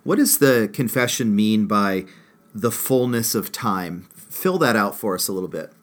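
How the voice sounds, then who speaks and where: A man with a fairly low voice, moderating a theological panel. He puts questions to the guests, pausing and restarting as he goes. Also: animated. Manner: asks questions, halting with fillers. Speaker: host.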